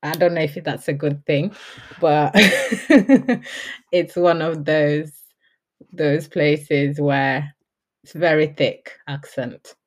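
A woman's voice: deep voice, fairly even intonation, extremely slow, long pauses. A woman from Gambia, co-hosting a casual podcast chat, who laughs easily and often quotes herself. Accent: London English, faint Yorkshire. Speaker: podcast co-host.

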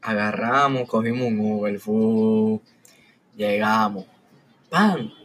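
Laughing, animated male podcast storyteller. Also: lowish voice, slow, a little hiss or hum. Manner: animated, laughs often, acts out quoted voices. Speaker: podcast co-host. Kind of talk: casual storytelling chat.

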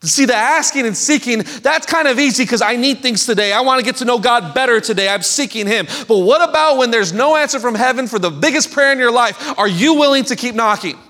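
A man preaching a sermon as a guest pastor in a church, fervent and building up to shouted exhortation. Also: extremely high pitch, animated, fairly quick, few pauses. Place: church sanctuary. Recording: long hall reverb.

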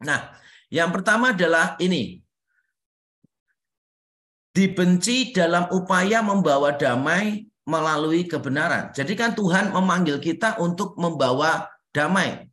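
Male pastor, mid-pitched, chatty Bible study teaching, echoey room. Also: a bit bright. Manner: conversational, repeats points, frequent "nah" fillers. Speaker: pastor and counselor. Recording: roomy echo.

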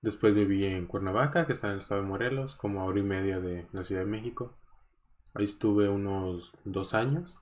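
A Mexican man with a Mexican Spanish accent hosts a casual solo podcast, rambling chattily with lots of fillers and chuckles. His voice sits on the low side with a darkish tone, he talks a little fast, and there's slight background noise.

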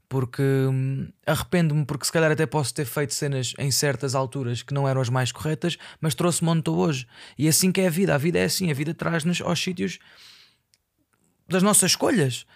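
Fast-talking young Portuguese man, slightly high voice. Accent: European Portuguese. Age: young adult. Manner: rambling, slangy, confessional, peppered with English words. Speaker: podcast host and musician. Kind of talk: casual solo podcast chat.

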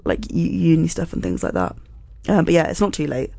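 A woman's voice: sits low, big pitch swings, fairly quick, creaky, warm tone, no echo. A young woman co-hosting a casual podcast, chatty and giggly, swearing freely. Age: young adult. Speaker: podcast co-host. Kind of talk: casual chat.

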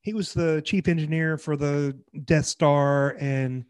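A man's voice: fairly high pitch, fairly even intonation, a little slow, smooth, dry recording, clean studio sound. A man with a Southern accent, co-hosting a podcast in casual chat, often trailing off mid-thought. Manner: rambling, trailing off. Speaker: podcast co-host.

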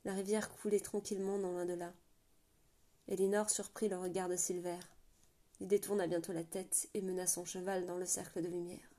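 Audiobook narrator, woman, mellow and dark in tone, steady fantasy storytelling with occasional restarts. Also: lowish voice, normal speed. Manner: steady, with small slips and restarts.

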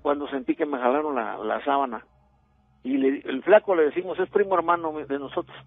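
A man's voice: a little high, fairly quick, gravelly, dry recording. A middle-aged man with a Mexican accent, calling in to a radio show and telling a ghost story in a rambling, hesitant way. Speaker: radio caller. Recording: tinny phone line with music.

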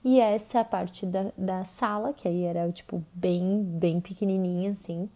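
A woman's voice: lowish voice, steady tone, a little slow, warm tone. A young adult woman with a Brazilian Portuguese accent, telling a personal story on a podcast in a casual way with lots of fillers. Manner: conversational retelling with many fillers.

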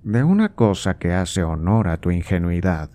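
A man's voice: sits low, big pitch swings, normal speed, warm tone. A man reading aloud and voicing a scornful, impatient old nobleman who scolds his son with sarcasm. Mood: coaxing. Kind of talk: audiobook character voice.

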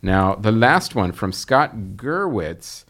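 A man's voice: on the low side, sing-song, takes it slowly, a bit bright. A man hosting a film podcast, casually reading out listener promos with small fillers and chuckles. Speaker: podcast host.

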